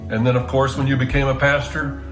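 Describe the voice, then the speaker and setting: A man's voice: medium pitch, little pitch movement, reverberant, music in the background. Man giving a sincere recorded tribute. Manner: warm, measured and sincere. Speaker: younger brother giving a video tribute. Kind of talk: prepared heartfelt tribute.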